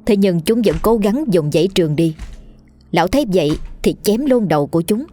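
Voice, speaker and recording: Low-voiced woman narrating horror. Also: a little fast. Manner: steady storytelling. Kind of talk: scripted horror story narration.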